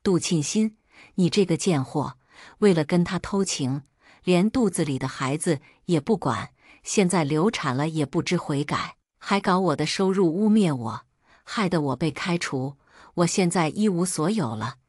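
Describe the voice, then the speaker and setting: A woman reading a story aloud, voicing a violent, jealous young husband who shouts insults. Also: fairly low pitch, animated, moderate pace, no echo, studio quality. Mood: furious.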